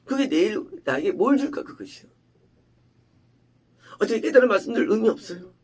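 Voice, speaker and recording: A male pastor giving an emphatic sermon, asking rhetorical questions and swinging between loud and hushed delivery. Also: sits high, lively intonation, fairly quick, husky.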